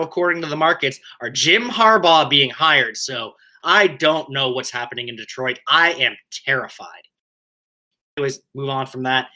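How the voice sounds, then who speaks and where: A man co-hosting a fantasy football show, running through player news with quick, upbeat asides. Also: bright, forceful tone. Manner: upbeat, quick asides, jumps up in pitch on names. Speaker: fantasy football podcast co-host. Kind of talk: casual sports news rundown.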